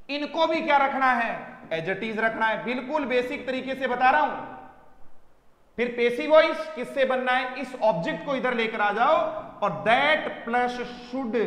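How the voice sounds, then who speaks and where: A man's voice: very high-pitched, a bit bright. A man teaching English grammar to students in Hindi, calling them dear children and quizzing them with repeated questions. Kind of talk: classroom lesson. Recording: echoey room with long reverb.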